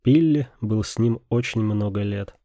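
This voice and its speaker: A man narrating an audiobook thriller in a calm, even storytelling manner. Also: lowish voice, normal speed, dry recording, dull audio.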